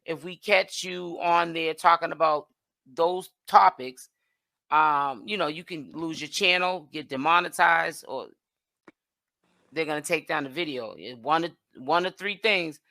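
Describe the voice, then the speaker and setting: Lady chatting on her stream, bright voice, dry close mic, reads comments and trails off. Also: sits low, unhurried, no room sound. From Boston, Massachusetts. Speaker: host of a livestream commentary channel. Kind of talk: casual chat reading viewer comments.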